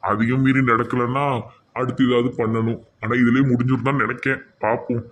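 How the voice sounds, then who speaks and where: Cartoon plotter, put on by a man, Tirunelveli accent; smug, low muttering to himself. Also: level tone, brisk, highs cut off, slight background noise, natural voice. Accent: Tirunelveli Tamil.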